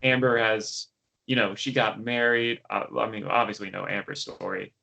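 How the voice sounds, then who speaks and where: A young man talks through a TV episode with his co-host in loose, casual chat. His voice sits lowish and has a gravelly fry, but the tone is bright. He leans on fillers and restarts as he goes. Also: little pitch movement, moderate pace, muffled recording. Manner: chatty, many fillers and restarts. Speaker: podcast co-host.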